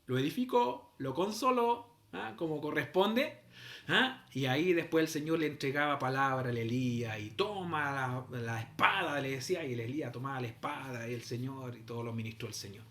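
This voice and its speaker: A man's voice: mid-range voice, fairly quick, fairly bright tone, reverberant. A middle-aged man, telling a story in a sermon, acting out voices and sounds as he goes. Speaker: preacher.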